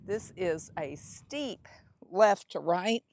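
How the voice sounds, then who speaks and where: A woman's voice: on the low side, expressive, slow pace, a little mellow. A middle-aged woman hosting a casual golf vlog, chatting to herself on the course with a self-deprecating manner. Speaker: host.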